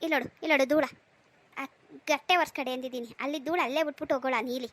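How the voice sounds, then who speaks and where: A fussy, grumbling old village grandmother in a cartoon. The voice is high and bright. She scolds and complains in a sharp, nagging way. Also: fairly even intonation, racing, no echo. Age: older.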